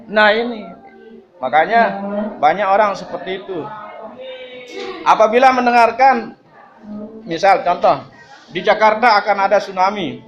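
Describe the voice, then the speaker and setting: A man delivers an Islamic study sermon. He is lively, mixes humor in and mimics the people he talks about. The recording sounds dull and lo-fi. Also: high voice, moderate pace, long pauses, soft background music. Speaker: preacher.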